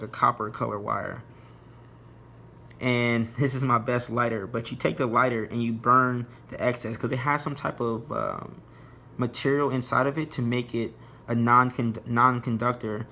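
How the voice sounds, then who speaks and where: A man presents a DIY tutorial in an informal, plain-spoken way. His delivery stays flat and even at a middling pitch. There is faint background noise in the amateur recording. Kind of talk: casual how-to narration.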